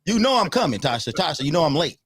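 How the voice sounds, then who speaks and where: A man co-hosting a casual live-stream podcast, trading fast, teasing banter. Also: a little high, very animated, a bit bright, husky, no echo, soft background music. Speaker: podcast co-host.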